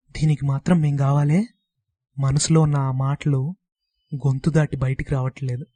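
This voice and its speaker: A male storyteller narrates in a calm, measured read. His voice sits a touch high, and the recording is dry and close with no room echo.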